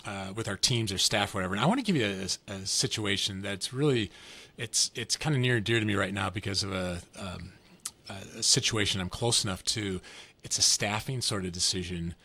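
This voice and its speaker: A man hosting a podcast, chatting casually, telling quick anecdotes and checking in with "right?". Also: on the low side, vocal fry, pushed and bright. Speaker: podcast host. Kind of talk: casual interview conversation.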